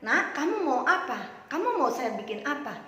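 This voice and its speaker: A kind, gentle man asks soft inviting questions, as a woman puts him on. The voice is high and lively. A roomy church hall adds a long echo. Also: moderate pace, a little hiss or hum, exaggerated voice.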